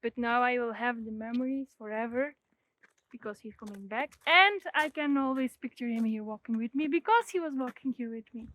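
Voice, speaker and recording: A woman's voice: on the high side, a little fast, fairly bright tone, low-quality recording. A woman from Belgium talking casually as she vlogs. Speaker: vlogger. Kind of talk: casual vlog chat.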